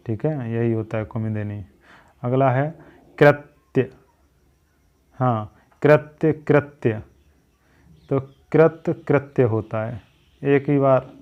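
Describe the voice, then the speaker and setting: A man's voice: medium pitch, clear, resonant tone, narrow, tinny audio. A man teaching a spelling lesson, drilling each word by repeating its wrong and right forms.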